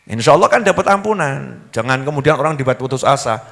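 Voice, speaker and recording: Animated male preacher, reverberant hall. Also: mid-range voice, fast talker, creaky. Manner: animated, swings between loud exhortation and quiet storytelling. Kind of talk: sermon.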